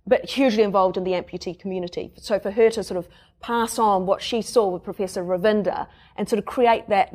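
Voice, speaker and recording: A woman's voice: mid-range voice, darkish tone. Chatty woman with a Kiwi accent. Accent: New Zealand. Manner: chatty, with frequent fillers. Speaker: science reporter. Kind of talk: conversational radio chat.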